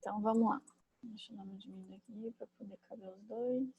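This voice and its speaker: A woman teaching a French class online, chatty and thinking aloud, with many fillers and quick tag questions, on a computer mic. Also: mid-range voice, fairly even intonation, vocal fry, mellow, husky, dry recording, low-quality recording. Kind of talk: online class, explaining grammar.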